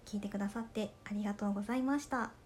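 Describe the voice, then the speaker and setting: Kansai-accent woman chatting on her podcast, warm mellow voice, polite and easygoing. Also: medium pitch, steady tone, very fast, slight background noise. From Okayama, Japan. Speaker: podcast host reading listener letters. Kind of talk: casual solo podcast chat.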